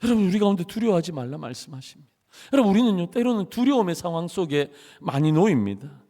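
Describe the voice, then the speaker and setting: A man pastor preaching a sermon, animated, now and then acting out inner voices and the words of God. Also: high voice, fast. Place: church sanctuary. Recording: long church hall reverb.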